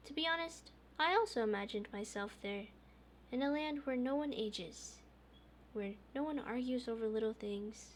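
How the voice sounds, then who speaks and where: A woman streamer reading a story game's text aloud in a soft, steady narrating voice, with small restarts now and then. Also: medium pitch, slight background noise.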